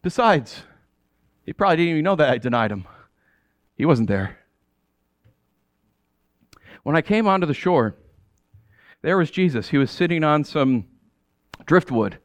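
A man's voice: a little high, very animated, measured pace, pauses often, no room sound. Man preaching in character, dramatic monologue. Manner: storytelling in character, swinging from hushed to exasperated. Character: the apostle Peter telling his own story. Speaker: pastor. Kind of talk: dramatic first-person sermon.

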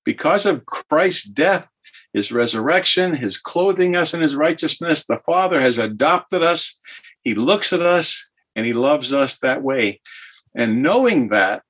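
A man's voice: a little high, lively intonation, unhurried, a bit bright, husky. An older man speaking as a podcast guest, earnest and heartfelt, talking openly about faith. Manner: earnest, heartfelt, emotionally open. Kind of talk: podcast interview.

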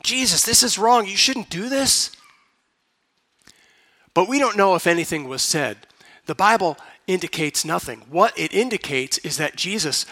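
High, bright-voiced male preacher. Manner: dramatic storytelling that drops to a hush. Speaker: pastor. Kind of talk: sermon.

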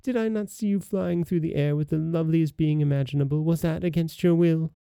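Fairy-tale princess, played by a male reader: young, proud, emotional, pitched well up, very soft tone. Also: fairly even intonation, fairly quick, vocal fry, smooth, no echo, clean studio sound. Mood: indignant. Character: young princess, proud, indignant, sorrowful and devoted.

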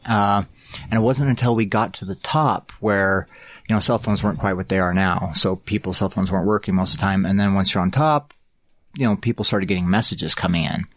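A man's voice: deep voice, brisk, dry recording. A man from Utah, a guest on a casual podcast, telling a story in a rambling way and acting out the voices he quotes. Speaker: guest artist.

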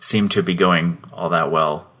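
A Canadian man with a very deep yet bright, forceful voice co-hosts a podcast. He chats casually, laughing often and feeling his way through his words. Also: fairly even intonation, unhurried. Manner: laid-back and laughing, searching for words. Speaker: podcast co-host.

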